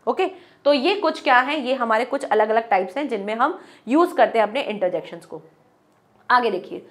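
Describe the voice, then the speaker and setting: A woman teaching a grammar lesson, acting out example exclamations with lively changes of tone. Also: sits high. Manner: acts out example exclamations with varied tone.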